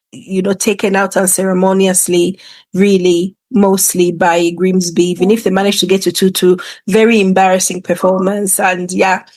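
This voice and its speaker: A woman's voice: mid-range voice, darkish tone, no echo. Woman giving casual, informal football commentary. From England. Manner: informal, conversational, hesitant asides. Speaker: football podcast host.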